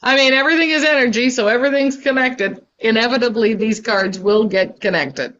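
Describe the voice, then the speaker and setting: A woman's voice: a little high, a little fast, a bit bright, a little hiss or hum. Chatty woman on dull audio. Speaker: co-host. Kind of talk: casual live-stream chat.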